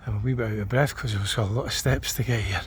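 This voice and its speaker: Here a male vlogger talks fast in a steady, lowish voice as he drives and walks through a small town. His narration is casual and meandering, peppered with ums and false starts. A little background noise runs underneath.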